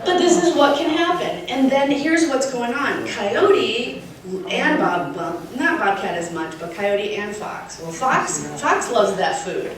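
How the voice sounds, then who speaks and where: A woman's voice: a little high, takes it slowly. Woman wildlife expert talking to a crowd outside, emphatic, mic kinda far off, super echoey. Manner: lively, emphatic, keeps asking the crowd "right?". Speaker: urban wildlife specialist. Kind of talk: outdoor public talk. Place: outdoors at a nature center. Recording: echoey, distant, faint noise.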